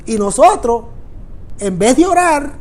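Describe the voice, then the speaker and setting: With an extremely high pitch and big swings in intonation, a Puerto Rican pastor preaches at a measured pace about prayer. His Puerto Rican Spanish accent carries an earnest, repetitive message aimed directly at listeners, backed by soft music.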